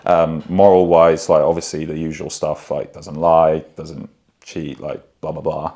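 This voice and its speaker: A man's voice: extremely low pitch, level tone, unhurried, dark tone. A young man co-hosting a podcast, giving blunt opinions in a casual, laughing chat. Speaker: podcast co-host.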